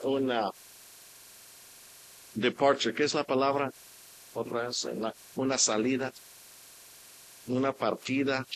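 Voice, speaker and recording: A man's voice: mid-range voice, a bit bright. A man preaching a sermon, switching between Spanish and English and stopping to hunt for the right word. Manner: mixes Spanish and English, pausing to search for words. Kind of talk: bilingual sermon.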